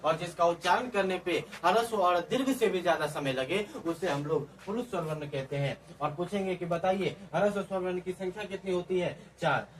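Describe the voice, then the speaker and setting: A man teaching a grammar lesson, who keeps asking questions and answering them himself in a drilling way. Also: high-pitched. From Bihar, India. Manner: repeats questions and answers in a drilling call-and-response way. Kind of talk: classroom-style grammar lesson. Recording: distant mic with faint background noise.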